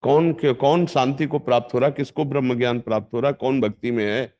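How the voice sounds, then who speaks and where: A man's voice: mid-range voice, steady tone, quick pace, darkish tone. An older man with a North Indian Hindi accent, a spiritual teacher giving a firm, instructive devotional discourse with emphatic repetition.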